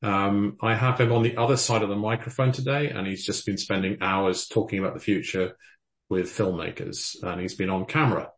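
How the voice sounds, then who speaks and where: A man's voice: lowish voice, steady tone, fairly quick. A man hosting a live podcast, talking in a hesitant way with many ums and restarts. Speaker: podcast host. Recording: roomy echo.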